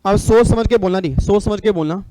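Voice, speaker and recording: A man's voice: high-pitched, fairly quick, dark tone, dry recording. A man teaching an online exam-prep lecture, joking and bantering with his students.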